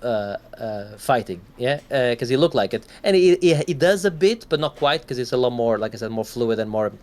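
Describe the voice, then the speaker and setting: A man's voice: medium pitch, lively intonation, brisk, a little mellow. A man co-hosting a gaming podcast, talking in a rambling, casual way and swearing now and then. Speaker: podcast co-host.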